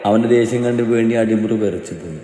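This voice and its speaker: A male storyteller giving an expressive, dramatic narration of an emotional story, with a mellow voice in a roomy, echoing space. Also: lowish voice, fairly quick. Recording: roomy reverberant room.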